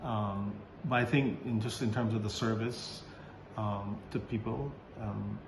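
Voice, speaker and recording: A hesitant priest from Barbados speaks in a low male voice with fairly even intonation, giving casual interview answers. He halts often, fills gaps, restarts sentences and laughs a lot. The recording is roomy with faint background noise.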